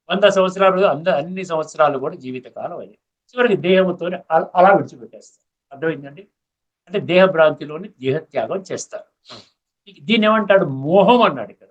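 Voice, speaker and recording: Man giving a spiritual talk, high voice, muffled lo-fi recording; he keeps asking listeners questions and mixes in English words. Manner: asks the audience rhetorical questions and checks they follow. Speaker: spiritual speaker. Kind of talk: Bhagavad Gita discourse.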